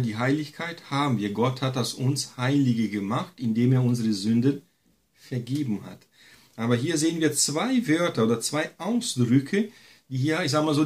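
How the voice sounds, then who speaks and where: A man giving a Bible lesson, emphatic and repetitive, often adding a questioning tag to his sentences. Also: mid-range voice. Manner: emphatic, repeats key phrases, frequent tag "ne". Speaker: Bible teacher.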